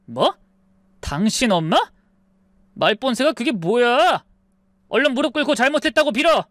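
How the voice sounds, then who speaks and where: A woman's voice: on the high side, expressive, normal speed, no room sound, pitched above the performer's own voice, lightly acted. A woman voicing an angry young husband. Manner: irritated, demanding. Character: angry young husband siding with his mother.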